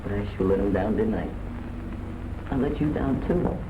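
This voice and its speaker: An actor playing a tender, self-blaming jockey in an old film, full of remorse. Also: male voice, fairly low pitch, animated, normal speed. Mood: remorseful. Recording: echoey, tinny, noisy 1940 film soundtrack.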